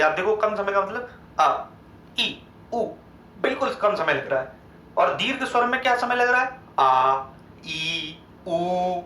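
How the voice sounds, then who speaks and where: A man with a Hindi accent teaching an exam-prep grammar lecture, asking questions and answering them himself, stretching sounds out slowly. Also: sits high, fairly bright tone, echoey room, recorded from a distance, slight background noise, low-quality recording.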